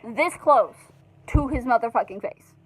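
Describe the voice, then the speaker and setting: A young woman telling a storytime vlog in a casual, animated way, heavy on fillers and swearing. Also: fairly high pitch, measured pace, breathy edge, faint music behind, low-quality recording. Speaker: vlogger.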